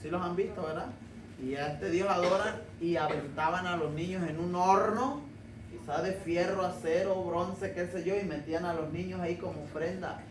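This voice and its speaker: A man's voice: high voice, moderate pace. Brief: male pastor, chatty joking sermon full of questions, recorded far off in an echoey church with faint noise. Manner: joking, conversational preaching with rhetorical questions. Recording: roomy, distant mic, faint noise.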